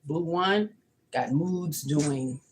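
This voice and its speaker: Woman livestream host, low register, chatty and emphatic, repeats herself for effect. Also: extremely slow, a little hiss or hum, rough recording. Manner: emphatic, repeats her points. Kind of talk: casual livestream monologue. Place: home kitchen.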